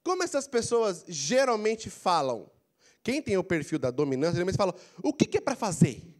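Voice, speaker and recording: Brazilian male coach, middle-aged, high-pitched and animated, handheld mic, lecture to a big hall. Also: normal speed. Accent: Brazilian Portuguese. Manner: animated, prompts audience to repeat phrases. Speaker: career coaching speaker. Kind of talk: lively motivational lecture. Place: large council auditorium. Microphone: handheld mic, walking the floor.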